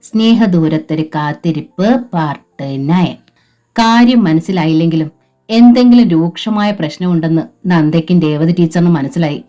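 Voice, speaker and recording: A woman narrating a novel with slow, emotional storytelling. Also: on the low side, warm tone. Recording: dull lo-fi with faint background music.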